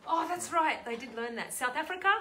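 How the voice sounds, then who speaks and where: A woman's voice: sits high, animated, a little fast, fairly bright tone, slight background noise. An Australian woman hosting a sing-along, chatting casually and giggling as she introduces the people in a room with a piano. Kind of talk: casual chat between hymns. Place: room with a piano and a small group. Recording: echoey room with music.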